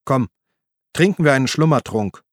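A man's voice: mid-range voice, expressive, moderate pace, dry recording, clean studio sound, pitched above the performer's own voice, lightly acted. A man voicing a pushy, apologetic male journalist friend in an audiobook, eager and coaxing. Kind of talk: audiobook reading.

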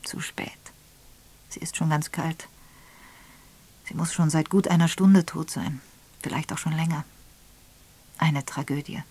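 A woman reader voicing a calm, gentle woman who speaks softly and hushed. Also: low voice, unhurried, pauses often, full character voice. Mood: sober. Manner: soft, hushed, breathy. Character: composed woman, gentle and sober.

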